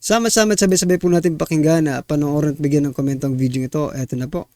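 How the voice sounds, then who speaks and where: A man's voice: fairly high pitch, fairly even intonation, very fast, warm tone. A man hosting a news reaction vlog, talking casually to viewers in an indignant, exasperated tone and tossing rhetorical questions at them. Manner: rhetorical, keeps asking viewers "ha?" and "no?".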